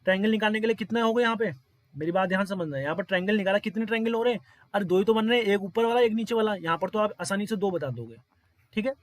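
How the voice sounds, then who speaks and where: High-voiced man teaching math tricks. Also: racing, dry recording. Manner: repetitive, quizzes listeners often. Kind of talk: explaining exam problems step by step.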